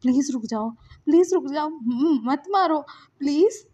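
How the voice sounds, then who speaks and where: A woman reading a fan story voices a timid young man, frightened and pleading. He stammers in a high voice. The recording is dull and lo-fi. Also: moderate pace, dark tone, close to an everyday voice. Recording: dull lo-fi sound.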